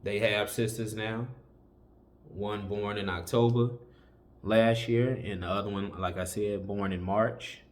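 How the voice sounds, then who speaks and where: A man's voice: lowish voice, fairly even intonation, measured pace. A man, hosting a casual opinion commentary and giving warnings in a loose, filler-heavy way. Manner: preachy, conversational, repeats warnings with many fillers. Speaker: commentary channel host.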